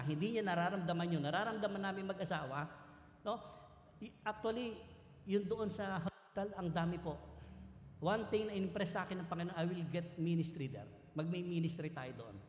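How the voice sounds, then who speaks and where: A man's voice: high voice, fairly quick, darkish tone, slight background noise. A man with a Filipino accent preaching a sermon, earnest and emphatic, moving between Tagalog and English. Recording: echoey hall with long reverb.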